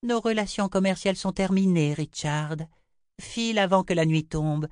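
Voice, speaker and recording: A man reading an audiobook, voicing a cryptic, aloof woman seer in a raised, slow voice with dry, close sound. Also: clear, resonant tone, dry recording, lightly acted. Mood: evasive. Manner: raised pitch, slow measured delivery. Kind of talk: audiobook character voice.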